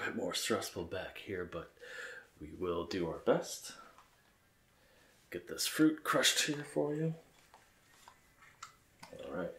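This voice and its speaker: Male ASMR gamer as courteous bartender, lowish voice, roomy echo, attentive service patter. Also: fairly bright tone. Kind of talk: ASMR role-play game commentary.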